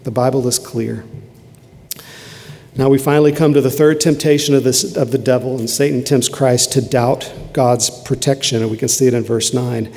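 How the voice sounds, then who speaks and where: A man preaching a sermon, with emphatic rises and quiet, low asides. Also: fairly even intonation, normal speed, vocal fry. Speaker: pastor. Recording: long hall reverb.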